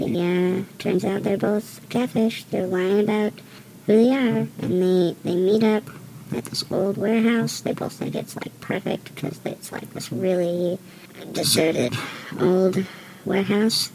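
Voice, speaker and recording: A woman co-hosting a casual comedy podcast, talking slowly with a gravelly edge. Her tone is mellow and dark, and she rambles through crude jokes in deadpan style. A faint noise sits behind her. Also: medium pitch, poor audio. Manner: rambling, crude deadpan humor with many fillers. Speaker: podcast co-host.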